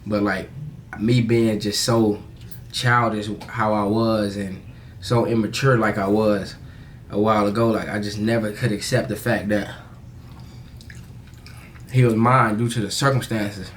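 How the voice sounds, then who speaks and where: Low-voiced young American man, candidly confiding. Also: flat delivery, a little hiss or hum. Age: young adult. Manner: candid, slangy, halting, profane. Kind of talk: casual confessional vlog storytelling.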